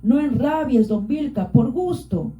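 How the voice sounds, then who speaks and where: A woman voicing a male villager who pleads to calm a quarrel. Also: high voice, unhurried, soft background music, pitched above the performer's own voice. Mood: pleading. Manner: pleading, soothing. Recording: roomy, dull lo-fi.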